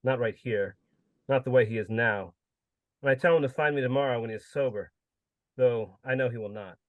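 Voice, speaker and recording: A man giving a measured, solemn reading of his own literary prose. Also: mid-range voice, no echo, phone-quality sound. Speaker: contributor reading his story.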